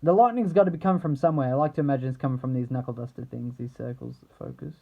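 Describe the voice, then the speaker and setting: A man giving a casual, unscripted product showcase as an action figure reviewer, rambling haltingly and trailing off mid-thought. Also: mid-range voice, gravelly, phone-quality sound, soft background music.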